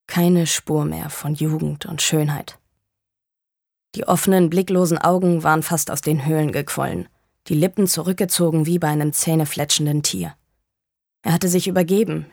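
Woman, audiobook narrator, low voice, measured, grave, dry close sound. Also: vocal fry, darkish tone, husky, no room sound. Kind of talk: scripted narration of a crime novel.

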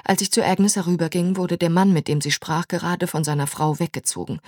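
A woman narrating an audiobook in a measured, expressive reading. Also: lowish voice, no echo, clean studio sound. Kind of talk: scripted narration.

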